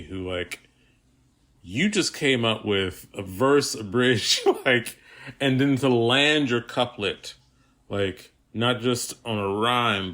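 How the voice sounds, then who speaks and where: A man with a fairly low voice talks casually as a podcast guest. He is reflective and leans on repetition for emphasis. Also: fairly bright tone. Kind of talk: casual film discussion.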